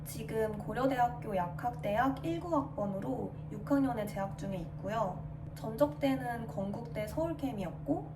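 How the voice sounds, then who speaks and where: A woman in her twenties, a pharmacy student, answering viewer questions in a friendly, even way in her new apartment. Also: a little high, reverberant, far from the mic, noisy background. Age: 20s. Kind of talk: casual Q&A monologue.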